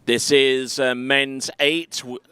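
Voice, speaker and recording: A man giving live water ski commentary in a measured way, with frequent fillers. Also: mid-range voice, level tone, pushed and bright, clear, resonant tone.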